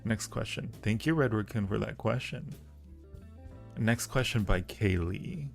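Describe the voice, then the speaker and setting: A man with a lowish, creaky voice hosts a live-stream Q&A as an audio roleplay creator, taking viewer questions at a measured pace. He answers casually, with a playful, teasing, flirty manner, while faint music plays behind him.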